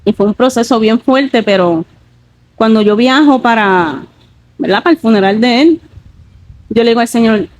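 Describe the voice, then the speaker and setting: Woman, 30s, slightly high pitch; earnest testimony with many fillers. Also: animated, normal speed, pauses often, dry recording, poor audio. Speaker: guest giving a testimony. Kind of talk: emotional personal testimony.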